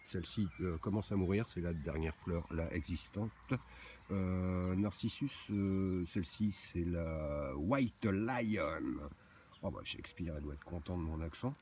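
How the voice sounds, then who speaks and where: Low-voiced man touring his garden. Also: normal speed, dark tone, slight background noise. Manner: hesitant, many fillers and restarts. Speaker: amateur gardener giving a garden tour. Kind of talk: casual walking garden tour. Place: outdoor garden.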